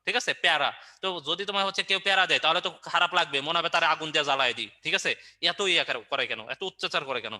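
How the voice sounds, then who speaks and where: A man's voice: a little high, quick pace, pushed and bright. A man teaching an online review class, quizzing students and answering his own questions with playful memory tricks. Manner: playful and joking.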